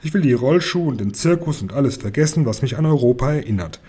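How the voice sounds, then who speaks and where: A man's voice: mid-range voice, lively intonation, fast talker, mellow, breathy edge. A man voicing a stubborn talking horse.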